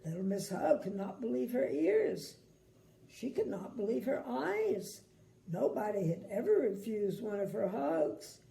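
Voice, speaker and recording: A sweet old lady reads a bedtime story at a slow, gentle pace. Her voice is very creaky and mellow. She adds small asides for young listeners in a roomy space. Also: mid-range voice, big pitch swings. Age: older. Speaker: grandmother reading bedtime stories. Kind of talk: storybook read-aloud for small children, with asides. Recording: echoey room, faint background noise.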